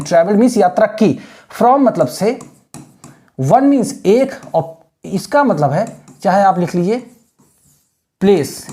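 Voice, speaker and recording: Patient teacher, lively mellow voice. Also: male voice, high voice. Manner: explains patiently, mixing Hindi and English, spells words out slowly. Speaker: English teacher for exam aspirants. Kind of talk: classroom lecture.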